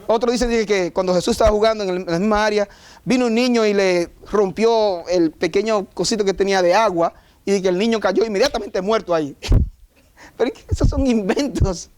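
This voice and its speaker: A man's voice: sits high, brisk, a little mellow, clean tone. A man preaching a sermon as pastor, emphatic and full of rhetorical questions. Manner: emphatic, rhetorical questions, mock voices of objectors.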